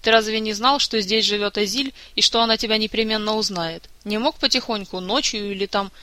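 A reader voicing a hoarse, furious, cursing man. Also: sits high, brisk, no room sound. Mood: grumbling. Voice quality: slightly hoarse, shouting curses. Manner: ranting, insulting, swearing. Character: furious wounded man, foul-mouthed and grumpy.

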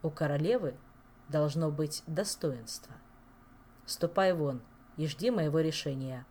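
A woman's voice: low-pitched, unhurried, dark tone, slight background noise. A woman voicing a weary, stern king who speaks curtly and grumbles. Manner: grumbling, curt.

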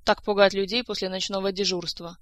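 A woman's voice: medium pitch, fairly even intonation, a little fast, close to an everyday voice. A woman doing a weary, grumbling court doctor. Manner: grumbling, exasperated. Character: weary, sharp-tongued female court doctor.

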